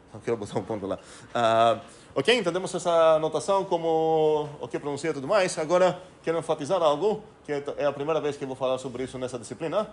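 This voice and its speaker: A man's voice: mid-range voice, a little hiss or hum. A man giving a recorded math lecture, thinking aloud with many fillers and restarts and putting questions to the class. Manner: asks students rhetorical questions.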